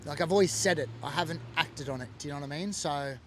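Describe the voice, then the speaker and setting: Speaking quickly in a fairly high, fairly bright voice, a Sydney man recounts his life as a former biker. The monologue is an earnest, emotional personal testimony packed with fillers, and there's slight background noise.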